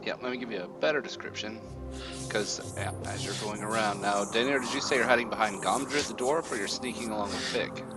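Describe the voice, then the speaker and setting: Man game-mastering over clear background music. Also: lowish voice, brisk. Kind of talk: casual tabletop game narration. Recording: music behind the voice.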